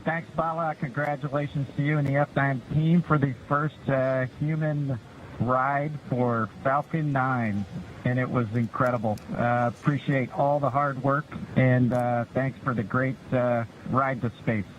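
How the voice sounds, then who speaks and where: A male astronaut calling down over breaking up space radio, halting with many pauses. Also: mid-range voice, steady tone. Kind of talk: crew radio call. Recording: lo-fi distant radio with noise.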